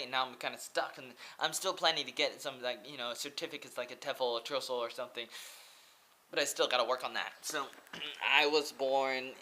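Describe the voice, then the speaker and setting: A bright, forceful, somewhat high male voice belongs to an Oregon vlogger and English teacher in his twenties. Sitting in a small room close to his laptop webcam, he talks casually and earnestly to camera, rambling with lots of "like" and saying things more than once.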